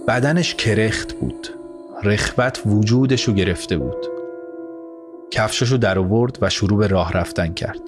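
A man reading a story aloud in calm, measured scripted narration. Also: fairly low pitch. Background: soft music score.

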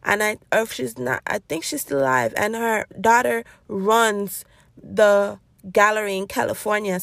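A woman's voice: mid-range voice, vocal fry, a bit bright, no echo. A woman hosting a casual solo podcast, chatty and rambling, laughing often and stretching out her greetings. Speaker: podcast host.

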